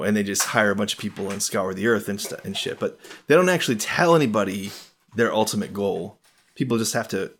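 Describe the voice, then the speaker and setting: A man with a fairly low voice picks at a film's coincidences and pet peeves. He sounds wry and amused in a casual review chat. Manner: wry, complaining about plot holes. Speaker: podcast co-host.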